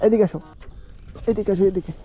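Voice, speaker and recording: A man hosting a vlog, chatting outdoors by the road from his bike, coaxing gently and repeating himself. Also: high voice, quick pace. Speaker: vlog host. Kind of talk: casual roadside chat. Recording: dull lo-fi audio with music behind.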